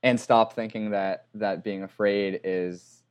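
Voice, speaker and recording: A man's voice: lowish voice, fairly even intonation, slow pace, smooth. A man hosting a podcast, responding to his guest in a casual, reflective and affirming way. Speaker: podcast host.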